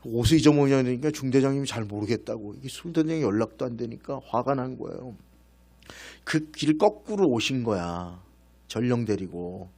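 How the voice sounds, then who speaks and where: A male pastor preaching in church, telling a personal story in an animated way and turning now and then to speak directly to members of the congregation. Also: mid-range voice.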